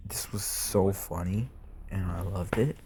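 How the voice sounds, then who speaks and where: A man's voice: deep voice, measured pace, crowd noise. A young man casually reviewing movies for his channel, rambling and swearing with lots of fillers. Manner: rambling, profane, filler-heavy.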